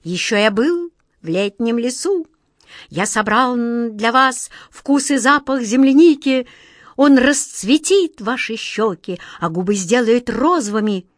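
A tiny, eager wind boy from a storybook, as a woman narrator puts him on. His voice is lifted higher and softer than the narration, and his words come out in a slow, sing-song float. The sound is dry. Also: expressive, no room sound. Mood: coaxing. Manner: sing-song, light and soft. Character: small playful wind boy, eager to please.

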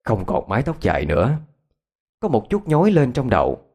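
A man with a Southern Vietnamese accent narrating a ghost story in an expressive way. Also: mid-range voice, moderate pace, slightly rough.

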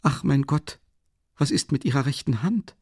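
A man's voice: lively intonation, moderate pace, a little mellow, husky, no echo, studio quality. A man voicing an anxious, timid middle-aged mother in an audiobook, flustered and exclaiming. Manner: flustered, exclaiming, high-pitched fretting. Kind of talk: audiobook character reading.

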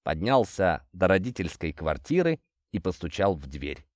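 A man narrating a first-person fantasy audiobook in an expressive storytelling manner. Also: low-pitched, normal speed, no room sound, clean studio sound.

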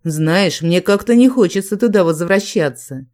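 Young male inquisitor, wry and cautious, calm steady storybook voice, as the narrator reads him. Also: high voice, normal speed, close to an everyday voice.

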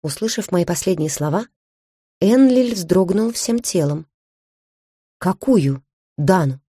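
A woman reading an audiobook in the first person, telling the story in a lively, wry way. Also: mid-range voice, unhurried, breathy edge, dry recording, clean studio sound. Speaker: audiobook narrator. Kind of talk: scripted first-person narration.

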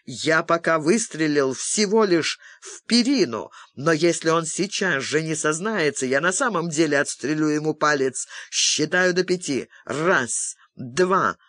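A man voicing an angry, determined man who threatens a captive with a revolver, speaking slowly and harshly. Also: on the high side, lively intonation, fairly bright tone, dry recording, clean studio sound. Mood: menacing.

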